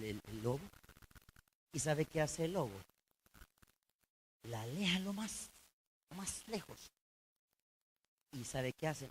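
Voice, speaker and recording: A male pastor preaching a colloquial sermon in church, swinging between loud emphasis and low intense tones and addressing the congregation directly. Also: a little hiss or hum.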